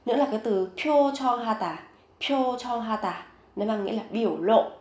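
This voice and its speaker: A woman teaching a vocabulary lesson, saying each word several times, slowly and clearly. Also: on the high side, darkish tone, reverberant. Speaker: Korean language teacher.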